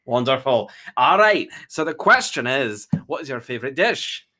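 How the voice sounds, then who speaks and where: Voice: medium pitch, big pitch swings, moderate pace, bright, forceful tone. Flustered Scottish radio interviewer, put on. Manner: flustered, stammering, exasperated. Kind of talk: improvised comedy sketch.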